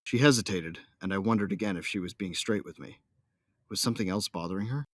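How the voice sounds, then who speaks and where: Earnest and tender, a low-pitched male voice narrates in first person as a young newlywed starship captain, devoted husband and loyal son of smugglers, in a sci-fi audio drama. He moves at a quick pace, and the studio recording is clean and dry.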